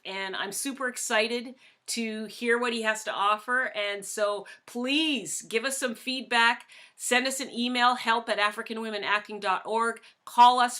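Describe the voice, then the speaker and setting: A woman's voice: a little high, bright, forceful tone. A woman hosting a live online arts show, talking in an upbeat, encouraging way. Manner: upbeat, encouraging, with light laughs. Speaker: host. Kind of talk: live stream introduction.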